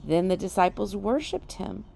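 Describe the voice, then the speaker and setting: A woman giving a devotional Bible teaching, animated, asking rhetorical questions and laughing lightly as she reads the story. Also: medium pitch, normal speed, creaky, slight background noise.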